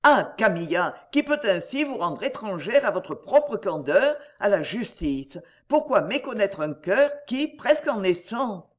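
Ardent young suitor from a storybook reading, pleading, impassioned, voiced in a lively way by a woman narrator. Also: mid-range voice, unhurried, few pauses. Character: earnest lovesick young gentleman.

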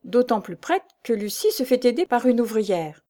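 A woman's voice: fairly high pitch, very animated, normal speed, mellow, pitched above the performer's own voice. A woman reading the lines of a chatty young seamstress in an audiobook, lifting her voice a little.

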